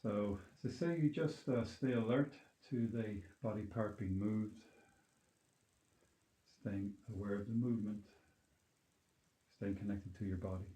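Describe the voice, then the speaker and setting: Male yoga teacher, calm grounding exercise, very soft mellow tone, gentle unhurried instructions, roomy echo. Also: on the low side. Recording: roomy, echoing indoor sound.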